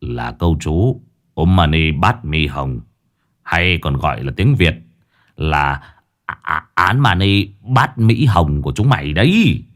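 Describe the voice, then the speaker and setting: A man voicing a gruff, curt older male exorcist cook who scolds his helpers. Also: low-pitched, very animated, slow, fairly bright tone, pitched below the performer's own voice, heavily acted. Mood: gruff scolding.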